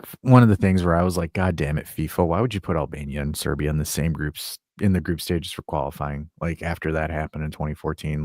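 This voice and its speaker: Co-host: low-pitched man, profane and exasperated, dry close sound. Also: dry recording. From United States. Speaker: podcast co-host. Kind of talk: casual sports chat.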